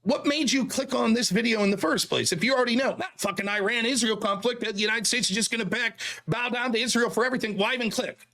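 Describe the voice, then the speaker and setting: A man's voice: very high voice, fast, hardly any pauses, pushed and bright. A man hosting a live call-in show, badgering and sarcastic, repeating his questions and swearing freely. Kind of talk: unscripted combative debate.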